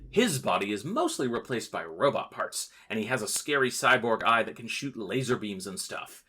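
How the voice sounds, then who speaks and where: A man hosts a history podcast, reading his script with playful jokes and theatrical asides. His pitch swings widely as he narrates, and his tone is bright and forward. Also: sing-song, normal speed, slightly rough. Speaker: podcast host.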